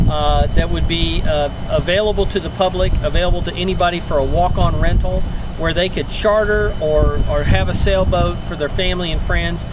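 A man in his forties talking to the camera at a marina, hesitant and restarting his phrases. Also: sits high. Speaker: sailing club representative. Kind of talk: introducing a topic to camera. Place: outdoors on a marina dock. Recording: loud wind and boat noise outdoors.

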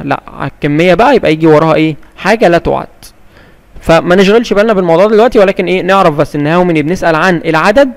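A man with an Egyptian Arabic accent explaining English grammar like a classroom teacher. He asks questions and answers them himself, and he reads the English examples slowly and carefully. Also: high-pitched, long reverb tail.

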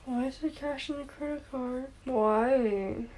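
A woman's voice: high-pitched, slow pace, darkish tone, rough recording. A woman sleep talking, in drowsy, disjointed, mumbled phrases that often trail off unfinished.

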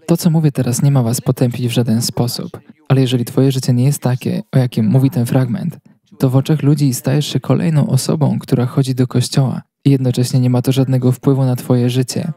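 A man reading a translated sermon as a voice-over, telling it as a steady story. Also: mid-range voice, a little fast, no echo.

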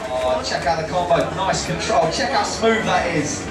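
A man's voice: sits high, animated. A man calling freestyle stunt tricks live and urging the crowd to make noise. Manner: hypes the crowd, calls tricks in quick bursts. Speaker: event announcer. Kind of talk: live stunt commentary over a PA. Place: outdoor stunt arena over loudspeakers. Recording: echoey PA heard from far off. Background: crowd and loud music.

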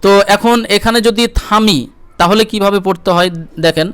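Man, patient Quran tutor; high, smooth voice, dry close sound. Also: fairly bright tone, dry recording. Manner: slow syllable-by-syllable spelling, drawn-out melodic recitation. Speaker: Quran recitation teacher. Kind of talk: spelling-and-recitation lesson.

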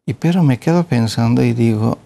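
A man's voice: medium pitch, fairly quick, creaky, dark tone. A middle-aged man, a plastic surgeon, telling a story from his career in an interview, hesitating with filler sounds and retelling the conversations.

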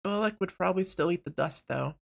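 A woman's voice: on the low side, quick pace, vocal fry. A woman streamer chatting casually and easygoingly during a game. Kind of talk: casual gameplay banter.

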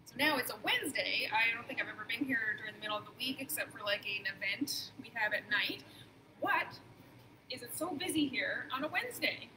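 A woman's voice: on the high side, lively intonation, brisk. A young woman hosting a live local show, upbeat and conversational as she plugs sponsors and asks questions. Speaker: host. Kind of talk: live interview and sponsor plug. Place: large indoor market hall. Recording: noisy market hall.

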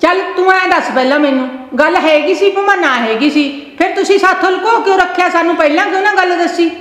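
A stern older village mother scolds bluntly in a very high, bright, piercing voice, as an actress plays her in a family drama. The room rings with heavy echo and a long reverb tail. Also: fast talker. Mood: stern, scolding.

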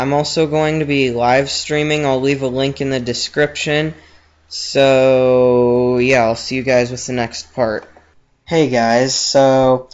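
A man's voice: medium pitch, highs cut off. A young man giving casual, rambling commentary over his own gameplay, with lots of ums. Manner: relaxed and rambling, many ums. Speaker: game channel host.

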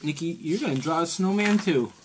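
A man in his thirties hosts a challenge video in a small room at home, chatting in a casual, joking, excitable, playful way, picked up by a camera across the table. His fairly high voice runs a little fast, with a bit of hiss or hum in the recording.

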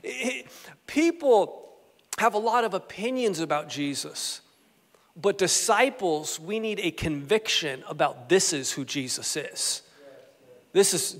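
A man, a pastor, giving an animated, playful, conversational sermon with asides to the congregation. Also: sits high. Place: church sanctuary. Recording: long hall reverb in a church.

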